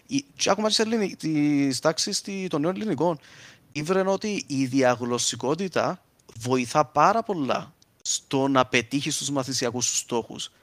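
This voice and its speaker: A man speaks in an informal, explanatory way with a clear Cypriot Greek accent. He moves between dialect and more formal terms as he gives examples. The sound is dry, with very little room in it. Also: mid-range voice, a bit bright, dry recording. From Cyprus. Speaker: linguist speaker.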